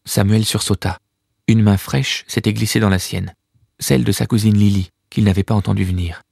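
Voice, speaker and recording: A man narrating an audiobook in a measured, vivid storytelling manner. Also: fairly low pitch, fairly even intonation, vocal fry, a little mellow, breathy edge, no room sound, studio quality.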